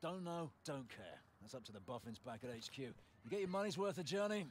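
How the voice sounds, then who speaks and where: An actor playing a gruff male soldier who gives curt, slangy orders in a video game. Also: medium pitch, sing-song, brisk, heavy background noise, close to an everyday voice.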